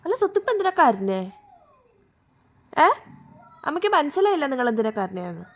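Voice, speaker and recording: A woman with a high, bouncy voice that swings up and down as she talks. She is a mother coaxing her little one in a casual home vlog. She asks the same questions over and over, gently and patiently. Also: very animated, a little fast. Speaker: mother vlogging with her toddler.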